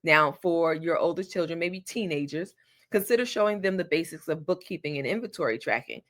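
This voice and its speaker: A woman's voice: on the low side, animated, a little fast. A woman hosting a solo podcast, giving advice in a chatty, encouraging, colloquial way. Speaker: podcast host.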